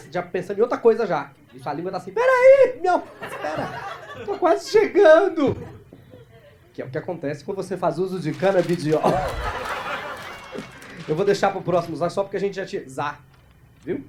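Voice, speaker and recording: A man from Brazil doing improvised stand-up crowd work, talking fast and teasing the audience on a club stage. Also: sits high, lively intonation. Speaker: stand-up comedian. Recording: live club recording with audible crowd noise.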